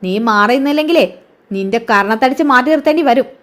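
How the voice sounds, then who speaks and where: A woman voicing an angry young man who shouts orders at his family while retelling a TV serial. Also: sits high, lively intonation, quick pace. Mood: angry commanding. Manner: shouting, commanding.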